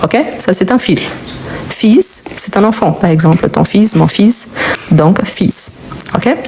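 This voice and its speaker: A woman's voice: medium pitch, slow, creaky, a little mellow, a little hiss or hum. A woman teaching a live French grammar lesson, explaining patiently and repeating key words.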